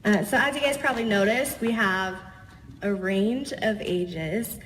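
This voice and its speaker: A woman's voice: medium pitch, unhurried, fairly bright tone, a little hiss or hum. A woman moderating a live athlete panel, upbeat and dotted with fillers. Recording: reverberant event hall.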